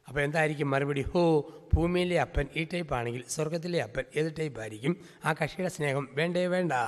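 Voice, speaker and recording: A male priest delivers a storytelling sermon in a fairly high voice, stacking up vivid scenes in rhythmic lists. His words ring out with a long reverberant tail, as if recorded in a large hall. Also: fairly bright tone.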